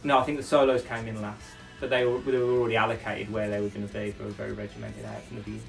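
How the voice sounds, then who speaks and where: A man's voice: fairly low pitch, little pitch movement, rapid-fire, vocal fry, far from the mic, faint music behind, rough recording. A male lead singer talking casually about recording a song, rambling with lots of fillers and restarts.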